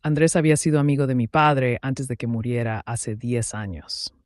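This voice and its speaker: A man narrating a first-person dramatic story in a calm, even way. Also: mid-range voice, moderate pace, no echo, clean studio sound.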